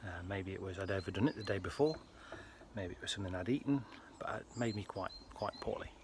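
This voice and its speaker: A British man with a fairly low voice talks to his viewers in a casual personal vlog. His delivery is earnest and halting. There is faint ambient noise behind him. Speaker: health vlogger.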